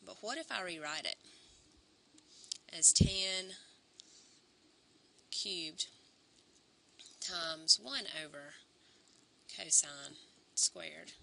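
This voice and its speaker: Slow, bright-voiced woman teaching math. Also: fairly low pitch, creaky, a little hiss or hum. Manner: talks through steps aloud, self-correcting. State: slightly hoarse, clearing throat. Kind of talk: recorded calculus lesson.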